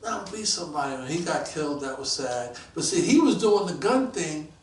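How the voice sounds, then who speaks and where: A man around sixty, a police detective guest telling stories in a casual interview. He is animated and acts out the voices of people he quotes. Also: a little high, normal speed, slight background noise. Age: about 60. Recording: roomy, mic at a distance.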